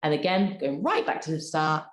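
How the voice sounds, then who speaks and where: A woman, a personal development coach, giving a workshop presentation in an expressive, deliberate coaching tone. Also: low-pitched. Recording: roomy echo.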